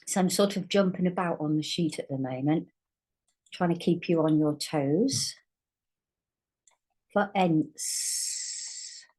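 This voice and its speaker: A woman's voice: fairly low pitch, a little mellow, rough recording. A woman teaching a recorded phonics lesson, patiently sounding out letters again and again. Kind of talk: recorded online spelling lesson.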